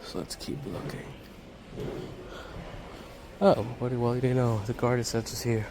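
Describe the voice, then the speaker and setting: Inside a large warehouse store, a vlogger offers casual walkthrough commentary at a measured pace in a medium-pitched voice. He records on a handheld phone or camera, and the store's ambient noise comes through clearly.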